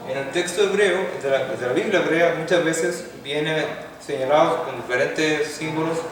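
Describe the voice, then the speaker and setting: A man's voice: fairly high pitch, background noise. A man teaching a Hebrew class in a classroom lecture, explaining patiently step by step and checking in with his students. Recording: echoey hall from far off.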